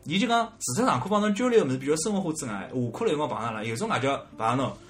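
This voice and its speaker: Lively fast-talking Shanghainese man. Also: on the high side. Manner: lively, joking storyteller. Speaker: podcast host. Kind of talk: casual chat.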